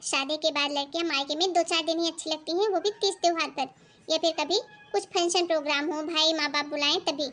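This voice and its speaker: A woman voicing a stern but caring middle-aged mother in an animated family story, who lectures and scolds. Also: high voice, brisk. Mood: scolding. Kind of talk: animated cartoon voice acting.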